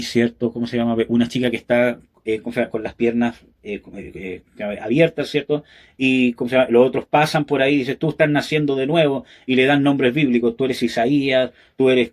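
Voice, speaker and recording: A man teaching a Bible study, pausing often with fillers and tag questions, then building to emphatic bursts. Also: medium pitch. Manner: rises to emphatic, raised-voice bursts. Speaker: pastor.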